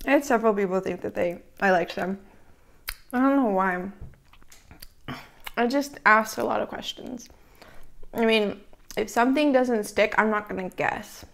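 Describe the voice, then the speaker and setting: A woman's voice: medium pitch, normal speed, creaky, pauses often. A woman hosting an eating show, telling stories in casual chat and chewing while talking, with savoring hums between phrases. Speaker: mukbang host.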